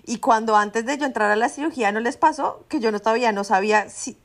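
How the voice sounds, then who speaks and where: Animated Colombian woman telling stories. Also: on the high side, quick pace. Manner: animated storyteller, acts out her own shouts. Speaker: podcast co-host. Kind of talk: casual chat.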